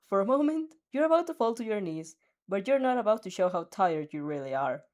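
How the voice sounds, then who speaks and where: Brisk and sing-song, this woman's medium-pitched voice has a darkish tone as she reads fanfiction in the second person. She repeatedly stumbles, begins again, and giggles.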